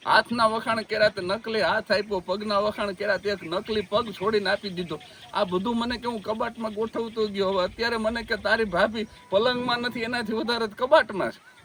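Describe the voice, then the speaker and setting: A man's voice: high voice, fairly even intonation, a little fast, a bit bright, slight background noise. A man with a Gujarati accent doing stand-up, telling funny stories in a chatty way and talking to the audience as friends. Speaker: stand-up comedian. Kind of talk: Gujarati folk stand-up storytelling.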